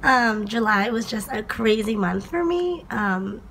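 Young woman, hoarse from a cold, gravelly, chatty haul vlog, faint hiss. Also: on the high side, lively intonation, a little slow, a bit bright. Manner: chatty, many fillers. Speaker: planner vlogger. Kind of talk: casual haul video.

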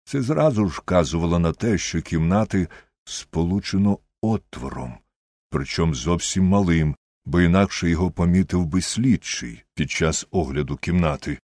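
A man voicing calm, lecturing Sherlock Holmes. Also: low voice, no echo. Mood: measured. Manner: measured, lecturing, deductive. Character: Sherlock Holmes, shrewd calm male detective. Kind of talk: audiobook character reading.

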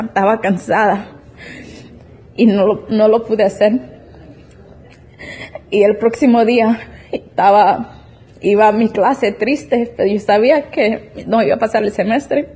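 Earnest young woman with a husky, mellow voice. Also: medium pitch. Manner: emotional, earnest, with frequent restarts. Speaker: church testimony speaker. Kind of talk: personal faith testimony.

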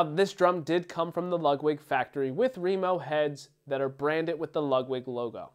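A fairly high-voiced man with a Philly accent walks through gear specs in an upbeat, casual way. His voice is smooth and clear, and he sounds like he's in his thirties, easygoing and detail-minded. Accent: Philadelphia. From Philadelphia, USA. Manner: upbeat, explanatory, detail-heavy. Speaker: drum channel host. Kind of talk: casual product demo talk.

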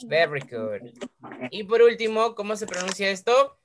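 A woman teaching English words to young children, repeating each word slowly and praising them often. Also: mid-range voice, very animated, a little hiss or hum. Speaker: primary school English teacher.

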